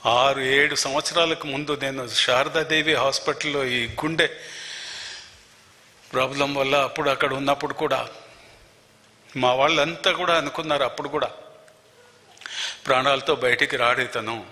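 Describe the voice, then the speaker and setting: A man's voice: medium pitch, fairly even intonation, normal speed, pauses often, pushed and bright. Older man, earnest emphatic testimony, long hall reverb. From Telangana, India. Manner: earnest, emphatic, repeats key phrases. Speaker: church member giving testimony. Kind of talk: church testimony. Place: prayer hall.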